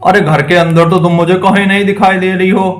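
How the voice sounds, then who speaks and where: A man's voice: high-pitched, flat delivery, brisk, roomy sound, natural voice. A man voicing a nervous village father in a toy doll story, fretful and coaxing.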